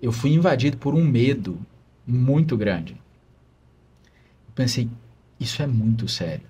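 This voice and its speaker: A man's voice: mid-range voice, expressive, a little slow, warm tone, a little hiss or hum. A man, a religious brother, telling an earnest, emotional story of his calling in a podcast interview.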